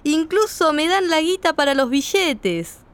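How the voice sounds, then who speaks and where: A woman's voice: high voice, expressive, measured pace. A woman playing a young Argentine woman in a scripted lesson dialogue, speaking with a sing-song Argentine Spanish lilt. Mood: pleased. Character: young Argentine woman sharing good news.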